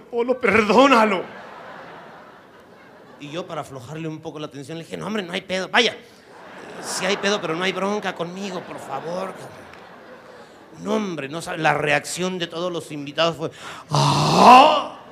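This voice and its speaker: A man with a Mexican Spanish accent telling a profane comic story, drawing out punchlines and jumping into high voices for the people he quotes. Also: steady tone, a little fast, gravelly, noisy background. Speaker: stand-up comedian.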